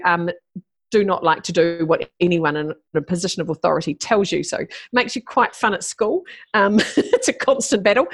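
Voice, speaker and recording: A woman in her fifties, talking as a guest in a casual interview, blunt and brash, swearing freely and laughing often. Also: mid-range voice. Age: 50s. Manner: driven and brash.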